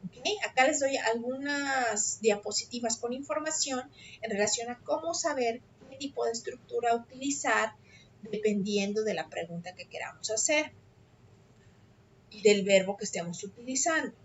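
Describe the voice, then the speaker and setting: A woman teaching an online English class, explaining an assignment patiently and often checking understanding with a quick "ok?". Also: a little high, slight background noise. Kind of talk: explaining an assignment on a video call. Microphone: computer mic on a video call. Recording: dull lo-fi video call audio.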